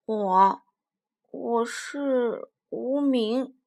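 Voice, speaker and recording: A woman voicing a big, lonely T-rex who is gruff yet gentle, in a children's storybook. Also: high voice, sing-song, measured pace, heavily acted.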